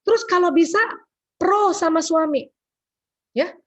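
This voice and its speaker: A woman giving a lively religious health talk as guest speaker on a video call, acting out quoted dialogue as she goes. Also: extremely high pitch, measured pace. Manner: animated, acts out quoted dialogue. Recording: dull lo-fi call audio.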